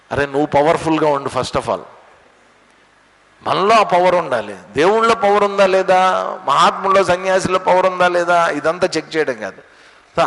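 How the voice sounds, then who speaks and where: A spiritual teacher giving a religious discourse, telling stories and asking rhetorical questions. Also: male voice, high-pitched, fairly bright tone. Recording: long hall reverb.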